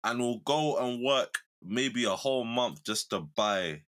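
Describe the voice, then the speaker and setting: A man's voice: medium pitch, lively intonation, measured pace, a loud crowd. A young man with a London accent, bantering on a casual podcast in a slangy, emphatic way. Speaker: podcast co-host.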